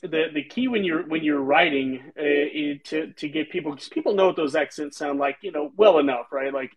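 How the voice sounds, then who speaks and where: A man who is a host and author leads a casual video-call chat from a room at home, rambling thoughtfully with lots of fillers. His voice is fairly high, at a moderate pace, on a muffled recording.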